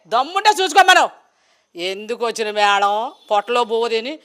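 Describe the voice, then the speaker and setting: A woman's voice: high-pitched, sharp tone. A woman from Andhra Pradesh answering a street interviewer, talking in a defiant, sarcastic and argumentative way. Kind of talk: street vox-pop interview.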